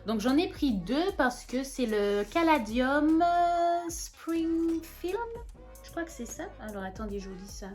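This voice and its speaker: A woman's voice: high-pitched, lively intonation, measured pace, darkish tone, faint music behind. A young woman, chatting casually in a plant vlog, rambling with many fillers and restarts. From Martinique. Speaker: plant vlogger. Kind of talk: casual show-and-tell vlog.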